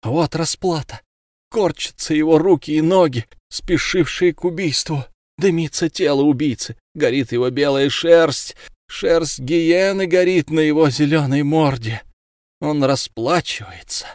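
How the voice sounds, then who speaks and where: A man voicing a vengeful woman of the town in a storybook reading, with fierce, loud accusing cries. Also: mid-range voice, big pitch swings, moderate pace, dry recording, studio quality, lightly acted. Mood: triumphant.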